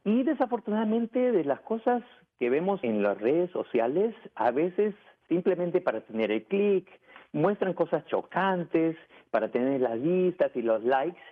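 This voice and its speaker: A man's voice: on the high side, big pitch swings, measured pace. A man from Peru, a pediatrician guest, answering interview questions with restarts and some English mixed in. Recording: tinny phone line.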